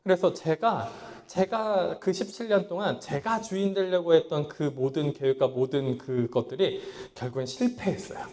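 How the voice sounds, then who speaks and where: In a small church hall, a pastor preaches at a normal speed, alternating between loud, pleading lines and low, hushed ones. He acts out his own former thoughts as quotations.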